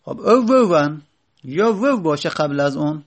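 A man's voice: fairly high pitch, expressive. A man teaching a lesson, reading short lines of a grammar text and then explaining them step by step, often asking and answering his own questions.

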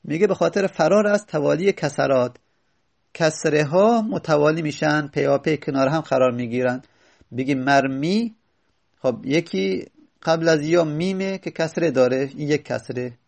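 Gravelly-voiced man explaining grammar. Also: a little high, a little mellow. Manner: reads a text line, then explains it; asks and answers his own questions. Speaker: teacher. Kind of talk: teaching Arabic grammar from a classical text.

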